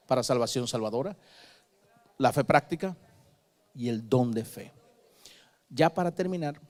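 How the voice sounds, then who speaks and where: A male preacher telling stories emphatically in a sermon, swinging between soft and loud. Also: mid-range voice.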